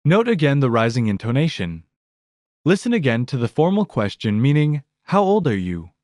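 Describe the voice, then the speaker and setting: A male lesson narrator for a language course reads scripted prompts in an even, orderly pattern at normal speed. His pitch moves around a lot. The recording is dry and close, with no room sound.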